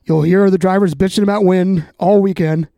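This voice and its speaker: Laid-back higher-voiced male co-host. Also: fairly even intonation, fairly quick, gravelly, warm tone, no echo. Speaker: podcast co-host. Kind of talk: casual sports chat.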